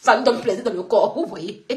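A woman's voice: on the high side, normal speed. A woman chatting on a live stream, emphatic and teasing, often laughing. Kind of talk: casual live-stream chat.

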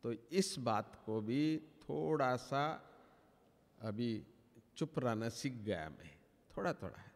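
A man's voice: mid-range voice, animated, slow. A man giving a spiritual class talk, telling stories and acting out his own inner dialogue. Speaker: spiritual teacher. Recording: long hall reverb.

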